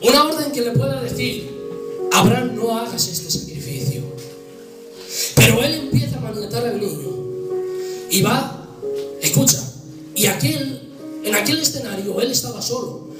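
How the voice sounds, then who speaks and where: Man, preacher, dramatic storytelling sermon, very high voice, roomy echo. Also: animated, moderate pace, long pauses. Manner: impassioned, swings between hushed and loud. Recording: echoey room from far off with music.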